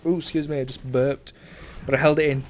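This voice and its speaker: A man's voice: medium pitch, fairly even intonation, a little fast, a little mellow, faint music behind. A young man giving casual, chatty commentary over his own gameplay, sarcastic about his teammates and dropping frequent ums.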